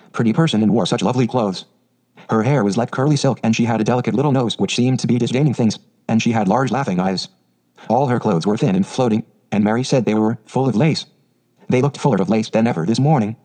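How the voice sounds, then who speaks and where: A man narrating an audiobook in a brisk, steady storytelling manner. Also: on the low side, rough recording.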